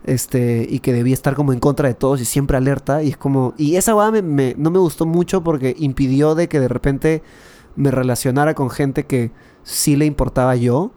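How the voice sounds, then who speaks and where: A man's voice: mid-range voice, normal speed. Young Peruvian man telling a story. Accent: Peruvian Spanish. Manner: animated storytelling, slangy, many "este" fillers. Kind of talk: casual podcast chat.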